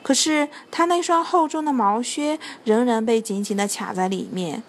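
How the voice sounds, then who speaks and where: A woman reads a children's story with a fairly high voice. Her telling is gentle and plain, with a few slips along the way. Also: moderate pace, a little hiss or hum. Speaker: narrator.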